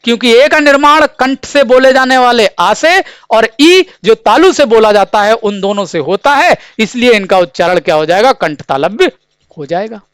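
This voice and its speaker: A man's voice: very high-pitched, expressive, normal speed, fairly bright tone, clear, resonant tone, dry recording, clean studio sound. A man teaching a grammar lesson for an exam, asking questions and answering them himself, repeating each key term. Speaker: Hindi teacher.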